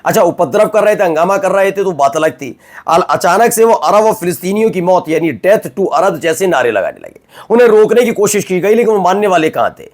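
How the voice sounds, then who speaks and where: Emphatic male news anchor, slightly high. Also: expressive, fairly quick. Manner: emphatic, rhetorical questions to viewers. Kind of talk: conversational news presenting.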